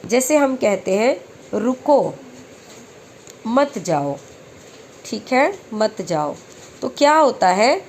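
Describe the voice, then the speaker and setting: A woman teaching exam-prep lessons who recites verse slowly and then explains each question step by step. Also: on the high side, expressive, a little hiss or hum.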